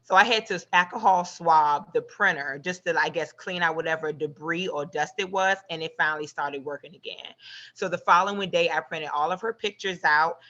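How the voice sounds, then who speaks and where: A woman's voice: sits low, moderate pace, pushed and bright. A woman who runs a photo booth business, telling a story expressively on a video call panel. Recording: slightly muffled call audio.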